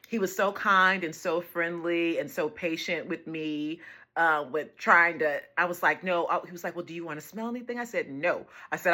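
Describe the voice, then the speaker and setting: A woman's voice: on the low side, sharp tone. A woman telling a casual vlog story about a shopping trip, chatty, laughing often and acting out the dialogue. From United States. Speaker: vlogger.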